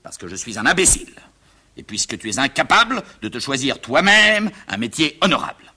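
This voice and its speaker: Man playing a blustering middle-aged father, shrill indignant outbursts, bright husky tone, swooping pitch. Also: sing-song, brisk, exaggerated voice. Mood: stern. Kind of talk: one-man reading of a stage comedy.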